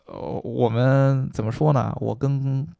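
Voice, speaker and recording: A man's voice: medium pitch, fairly even intonation, slow, gravelly, dark tone, no echo, muffled recording. A man co-hosting in casual chat, smacking his lips for emphasis and often repeating words. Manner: frequent lip-smacking for emphasis. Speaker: podcast co-host.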